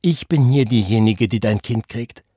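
A man's voice: medium pitch, normal speed, dark tone, slightly rough, dry recording, clean studio sound, lightly acted. A man reading the part of a bitter, defiant young pregnant woman who speaks in a cold, taunting, accusing way.

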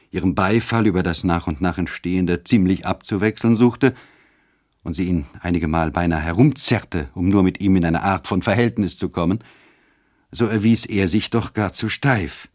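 Deep-voiced male audiobook narrator. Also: darkish tone, dry recording, studio quality. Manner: measured, literary. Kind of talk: audiobook narration of a classic novel.

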